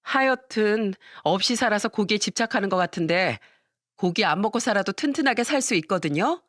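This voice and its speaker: A woman's voice: mid-range voice, expressive, a little fast, a bit bright, no echo, clean studio sound, natural voice. A woman voicing a harsh, scornful young wife in a storytelling radio drama, with a sneering, snappish manner.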